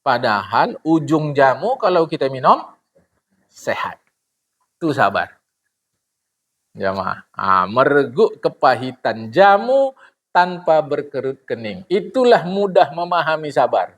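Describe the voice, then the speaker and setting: A man's voice: fairly high pitch, sing-song, measured pace, pauses often, fairly bright tone. A middle-aged man, giving a humorous sermon to his congregation. He asks questions and answers them himself, and acts out little dialogues. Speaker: religious teacher.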